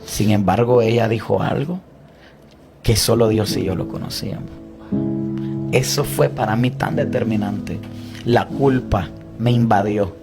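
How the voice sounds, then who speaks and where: Earnest preacher man over loud music. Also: fairly low pitch, unhurried. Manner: earnest, confessional, repeats phrases for emphasis. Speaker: preacher giving a testimony. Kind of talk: emotional sermon testimony. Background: loud instrumental music.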